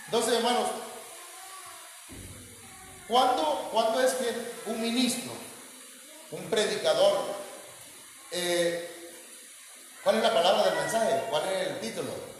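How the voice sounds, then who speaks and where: A man's voice: high-pitched, takes it slowly, pauses often, slight background noise. A man with a Mexican Spanish accent, a pastor preaching a sermon to his congregation, calling them brothers and saying amen often, with many fillers. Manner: addresses congregation as hermanos, frequent amén and fillers. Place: church hall. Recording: very echoey church hall with long reverb.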